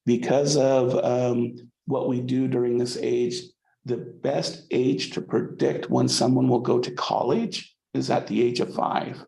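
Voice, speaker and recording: A man lectures in a mid-pitched, strongly gravelly voice. He is conversational, restarts phrases, and keeps asking his students "okay?". The sound is roomy and echoing. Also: level tone, a little slow, darkish tone. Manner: conversational, frequent "okay?" checks, repeats words when restarting. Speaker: psychology instructor. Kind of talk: college lecture.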